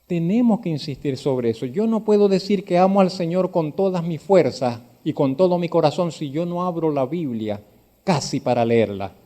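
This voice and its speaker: A man preaching a sermon, asking direct questions of his listeners and building from quiet reflection to loud, emphatic exhortation. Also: fairly high pitch, expressive, moderate pace. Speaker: pastor.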